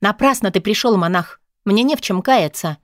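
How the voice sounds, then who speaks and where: An impulsive young witch girl pleads and exclaims in a high, eager voice, as a woman narrator puts her on. Her lines come out loud and breathless with hope. The recording is close and dry, like an audiobook. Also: brisk, dry recording, close to an everyday voice. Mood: defiant. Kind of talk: audiobook character voice.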